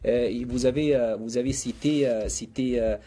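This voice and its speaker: A man's voice: medium pitch, normal speed, a little hiss or hum. A man, a guest author, talking in an interview, telling stories and reciting verse with animation. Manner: animated storyteller, quotes Arabic verse. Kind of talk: explanatory interview talk.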